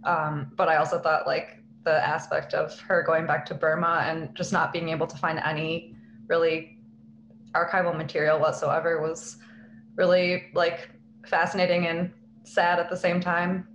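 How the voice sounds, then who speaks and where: Flat-voiced woman in an echoey room. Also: deep voice, normal speed. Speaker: archives staff member. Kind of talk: casual video-call chat. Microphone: webcam on video call. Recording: roomy call audio with faint hiss.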